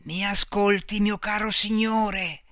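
A man's voice: high-pitched, little pitch movement, fairly bright tone, no echo, studio quality. A man doing an old French soldier. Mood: confidential. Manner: slow, emphatic, wheedling confidential tone. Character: boisterous old male French army veteran.

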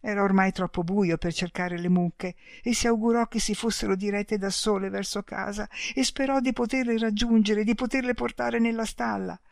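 A narrator reading a story in a calm, measured audiobook style. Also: mid-range voice, creaky, dry recording, clean studio sound.

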